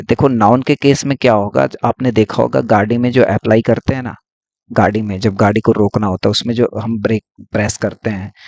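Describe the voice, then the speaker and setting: A man teaching English vocabulary in a casual lesson, explaining slowly and asking then answering his own questions. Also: medium pitch, darkish tone, no echo.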